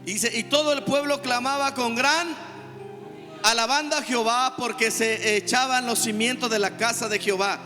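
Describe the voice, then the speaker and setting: A man with a Mexican Spanish accent preaching a sermon as pastor, breaking into shouts and calling on the congregation to repeat after him. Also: very high-pitched, fairly even intonation, moderate pace. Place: church hall. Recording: reverberant church hall with music underneath.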